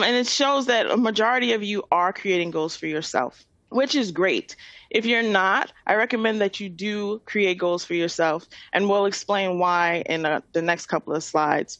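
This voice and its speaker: A woman's voice: fairly low pitch, no echo. A middle-aged woman from New York with a New York accent, presenting a webinar in an informal, explanatory way. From Queens, New York City, USA. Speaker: webinar presenter, nonprofit finance director.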